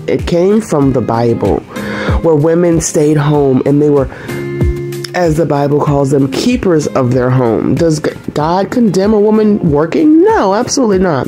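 Earnest woman talking faith while cooking. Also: sits low. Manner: earnest, conversational, preachy. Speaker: homemaking vlogger. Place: home kitchen. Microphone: fixed camera across the kitchen. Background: background music.

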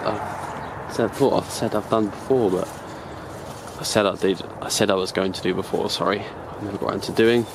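Fairly low in pitch and speaking at normal speed, this man gives a rambling, chatty walking tour of his allotment, correcting himself now and then. The allotment vlogger films it outdoors on a handheld camera from his own view, and steady background noise comes through.

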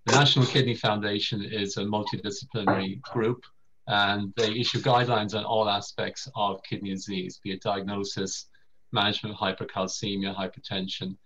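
Speaking quickly with little pitch movement, this middle-aged Irish man has a lowish, slightly bright voice and an Irish accent. He's a vascular surgeon delivering a semi-formal medical lecture by video call. The call audio is dull and lo-fi, with slight background noise.

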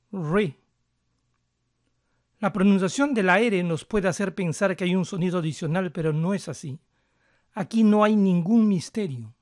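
Man, higher voice, dry close sound, calm methodical language lesson. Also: no room sound. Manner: calm, methodical, slows down to model words. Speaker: language teacher. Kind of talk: explaining English pronunciation to learners.

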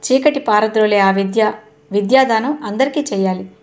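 A woman reading the lines of a young male doctor in a low, subdued voice. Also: moderate pace, a little mellow, close to an everyday voice. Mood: demanding.

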